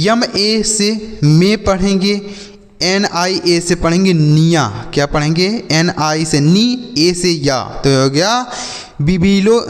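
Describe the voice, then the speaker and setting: A man with a somewhat raised voice teaches children to read long English words letter by letter. He keeps calling out questions and answering them himself. The recording carries a long, lingering reverb. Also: sits high. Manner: repeats questions and answers, addresses children directly. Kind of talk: spelling lesson for children.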